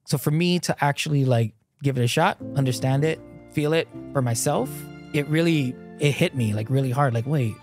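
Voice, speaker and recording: A man's voice: medium pitch, normal speed, hardly any pauses, over music. A man in his thirties from Hawaii, a guest telling his story in loose, casual conversation full of "like" fillers, on a close podcast mic in a small studio. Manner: loose and animated, lots of "like" fillers, gestures while talking. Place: small dim studio set with a couch. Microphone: boom-mounted podcast mic close up.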